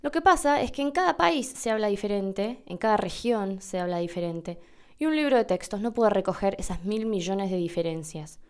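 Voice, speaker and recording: A woman's voice: medium pitch, animated, normal speed, clean tone. A woman from Argentina with an Argentine accent, hosting a casual, chatty podcast on Spanish pronunciation and demonstrating sounds herself. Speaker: podcast host teaching Spanish.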